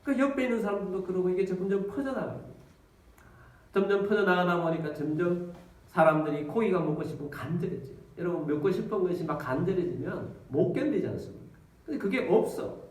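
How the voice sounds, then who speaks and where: A male pastor with a high, fairly quick voice preaches a storytelling sermon, animatedly calling out to his congregation as the tale unfolds. He's recorded from a distance in an echoey church full of people.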